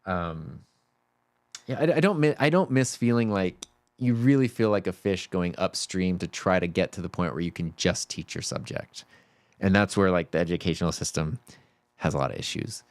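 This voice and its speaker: Low-voiced man chatting on a livestream. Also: moderate pace, no echo. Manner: relaxed, rambling, talks with many fillers. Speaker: stand-in livestream host. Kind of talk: casual livestream chat.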